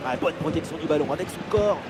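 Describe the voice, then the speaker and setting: An actor playing an excitable football match commentator in a video game, giving excited sports commentary. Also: male voice, fairly high pitch, quick pace, close to an everyday voice. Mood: focused. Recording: loud stadium crowd noise behind. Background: stadium crowd.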